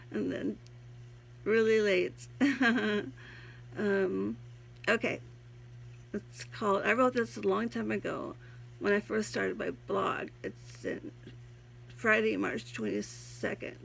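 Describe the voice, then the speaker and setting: A tired woman vlogger with a gravelly voice and slightly soft R sounds, talking in a playful, rambling, giggly way in a casual devotional style. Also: mid-range voice, slight background noise, rough recording. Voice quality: trouble pronouncing R sounds. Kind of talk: casual devotional vlog with poem reading.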